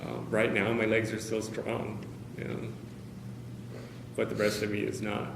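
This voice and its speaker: At a caregivers' meeting, a man with a low, gravelly voice gives a personal talk to a small group of about 45 people in a meeting room. His delivery is completely flat, hesitant and candid, with frequent pauses and fillers, and the recording is roomy and noisy.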